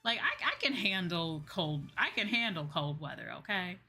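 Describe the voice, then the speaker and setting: This mid-range voice is very animated, pushed, bright and slightly rough, at a normal speed. It belongs to a Midwestern American woman livestreaming as a VTuber with music behind her, casually replying to comments and repeating phrases for emphasis.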